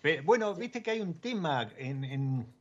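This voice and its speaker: A man's voice: fairly high pitch, very animated, a little slow. A man with an Argentine accent hosting a casual chat about wine, with many fillers and restarts. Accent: Argentine Spanish. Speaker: wine show host. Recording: dull lo-fi audio.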